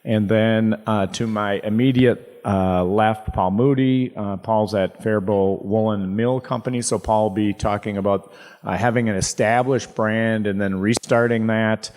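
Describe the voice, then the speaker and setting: Man moderating a panel, lowish voice, measured with fillers, echoing hall sound. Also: fairly even intonation, a little mellow. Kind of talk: panel discussion. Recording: long hall reverb.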